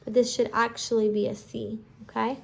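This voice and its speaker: A woman teaching a phonics lesson casually, giving slow school dictation with repeated words and prompts for a child. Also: on the high side, flat delivery, vocal fry, slightly rough. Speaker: home phonics teacher, parent-style instructor.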